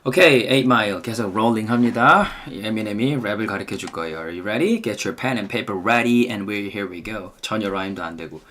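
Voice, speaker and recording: A man with a Korean accent teaching English, drilling phrases slowly and deliberately. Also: fairly low pitch, animated, bright, forceful tone, a little hiss or hum. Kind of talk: language lesson.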